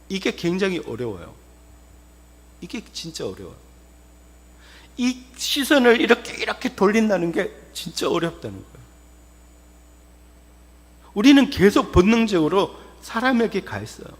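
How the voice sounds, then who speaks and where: Higher-voiced male pastor in an echoing church. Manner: emphatic, repetitive, asks the congregation rhetorical questions. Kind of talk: sermon. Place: church sanctuary.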